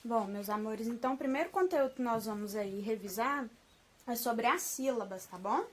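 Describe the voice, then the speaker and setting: A woman with a Brazilian Portuguese accent teaching young children a remote lesson, affectionate and patient, slowly sounding out words and checking in often. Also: on the high side. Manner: affectionate, slow syllable-by-syllable modeling, frequent "tá bom?". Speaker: primary school teacher.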